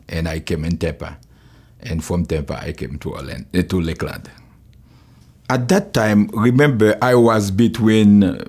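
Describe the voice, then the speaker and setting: A Haitian-born pastor in his sixties, whose first language is Creole, tells his life story as a personal testimony. He speaks earnestly in plain, repetitive English with a Haitian accent. His voice is low-pitched and darkish with a breathy edge.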